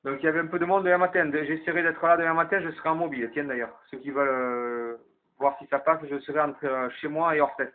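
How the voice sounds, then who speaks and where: Leading a round of calls as an amateur CB operator, a man with a fairly high voice speaks quickly and with fairly even intonation. He thinks aloud in an informal, colloquial way while handing off to other operators. It's a tinny, narrow-band FM CB radio transmission.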